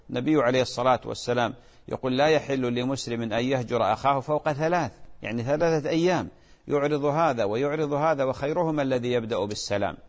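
A man's voice: mid-range voice, big-room sound. A man, a religious scholar patiently answering callers' questions on a call-in show. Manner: patient, reassuring, explanatory.

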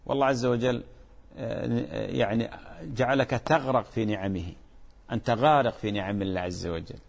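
Gravelly low-voiced man giving religious advice. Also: fairly even intonation, brisk. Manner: gentle, paternal advising with frequent blessings. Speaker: religious advice show host. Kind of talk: answering viewers' questions.

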